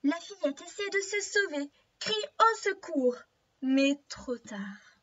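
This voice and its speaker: A teacher reading a story aloud to young children, slowly and gently, stopping to explain words and ask questions. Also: female voice, high voice, breathy edge. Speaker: preschool teacher. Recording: slightly dull lo-fi recording.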